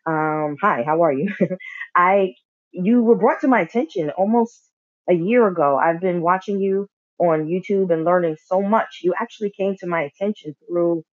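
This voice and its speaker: A man's voice: high voice, normal speed, dry recording. A man leaving a voicemail for a podcast host in a friendly, rambling way, full of ums and restarts. The line sounds muffled and dry, with no room around it. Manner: friendly, rambling, filler-heavy. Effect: voicemail message. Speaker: podcast listener leaving a message. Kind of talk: casual spoken message.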